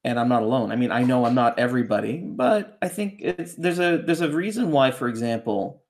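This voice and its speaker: Reflective rambling man in mid pitch. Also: expressive, brisk. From Canada. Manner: reflective, rambling, keeps asking "right?". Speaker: ghostwriter guest. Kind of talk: casual podcast conversation.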